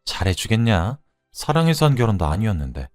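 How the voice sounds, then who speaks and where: A man's voice: on the low side, sing-song, brisk, faint music behind. A man voicing a frank young woman, his old first love, within his story narration. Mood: teasing.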